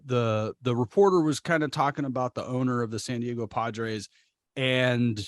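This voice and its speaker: Brief: male sports podcast co-host, mid-pitched, fired-up ranter who swears, dry close recording. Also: no room sound. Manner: impassioned, swears, rants. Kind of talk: casual sports chat.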